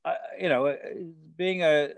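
A man's voice: a little high, unhurried, vocal fry, smooth, no echo. A man hosting a local show, putting chatty, rambling interview questions in a conversational way.

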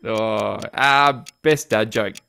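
A man's voice: lowish voice, slow pace, vocal fry, sharp tone, clear, resonant tone. An Australian man hosting a casual podcast, giving short replies and laughing often. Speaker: podcast host.

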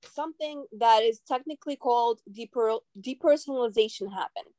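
Russian-born woman guesting on a podcast, bit higher voice, thinks out loud, dry close mic. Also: brisk, dry recording. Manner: reflective, searching for words. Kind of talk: casual podcast chat.

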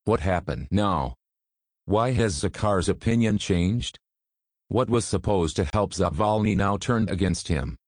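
A man narrating a story in an even, steady reading manner. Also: sits low, no echo, clean studio sound.

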